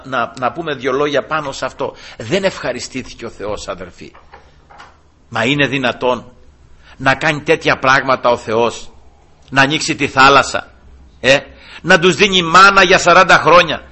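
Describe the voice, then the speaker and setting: An older man preaching a sermon, retelling scripture with lively acted voices and dropping to a low murmur to address the brothers.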